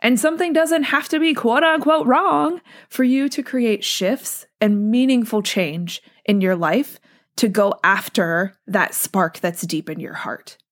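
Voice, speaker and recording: A woman's voice: a little high, a little slow. Upbeat woman psychologist hosting a podcast. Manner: energetic, encouraging, direct address to listener. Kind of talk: upbeat podcast pep talk.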